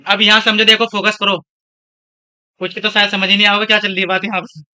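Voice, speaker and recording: A man's voice: high-pitched, flat delivery, quick pace, sharp tone, clean tone. A young man from India teaching a classroom lesson. He talks in a chatty, scolding way and drifts into stories about himself between points. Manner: scolding, chatty, switches between lecture and anecdotes. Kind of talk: classroom lecture.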